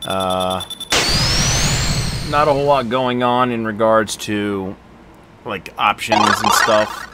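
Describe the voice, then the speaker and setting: A man's voice: on the low side, fairly even intonation, takes it slowly, pauses often, heavy background noise. A man casually commenting on a video game as he plays, rambling with lots of fillers. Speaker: game streamer. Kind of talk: casual let's-play commentary. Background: loud video game music.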